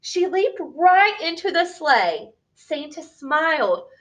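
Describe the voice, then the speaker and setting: Her voice sits high as she reads a picture book to young listeners, taking a deliberate, expressive storyteller's approach.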